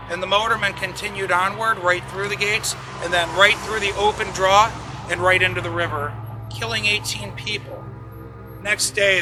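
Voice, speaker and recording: A man guides a ghost tour in a fairly high voice. He tells his suspenseful tales dramatically, leaning on key words for emphasis. Music plays behind him as he talks. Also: rough recording.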